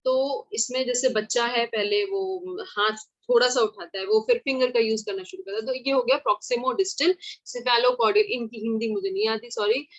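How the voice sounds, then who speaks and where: A woman leads a relaxed exam-prep lesson in a fairly high voice. She chats informally, drops in English terms and spells words out letter by letter. The sound is dry and close, with almost no room echo. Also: moderate pace, dull audio. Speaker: teacher. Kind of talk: online exam-prep lecture.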